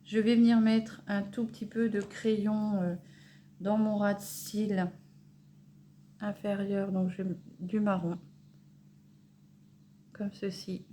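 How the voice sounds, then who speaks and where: This beauty vlogger speaks slowly and flatly, leaving long pauses, her medium-pitched voice warm over a little hiss or hum. She narrates each makeup step casually and naturally, stumbling, stammering and correcting herself as she goes.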